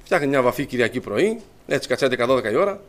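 A man telling his personal testimony to a congregation, lively and storytelling, acting out what others said. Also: mid-range voice. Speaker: church member giving testimony.

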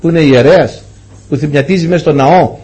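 A man preaching a sermon, telling stories and voicing the dialogue with big swings in pitch. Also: darkish tone, husky.

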